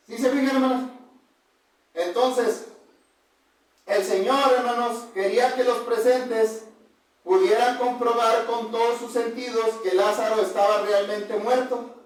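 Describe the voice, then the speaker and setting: A man's voice: extremely high pitch, fairly even intonation, a little slow. A male preacher giving a conversational sermon, who keeps asking the congregation questions and addressing them as brothers. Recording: very echoey room heard from a distance.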